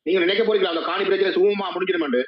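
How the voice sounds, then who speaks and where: A man's voice: high-pitched, fairly even intonation, rapid-fire. A man arguing at length as host of a live stream discussion. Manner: argumentative, explaining at length. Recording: dull lo-fi live stream audio.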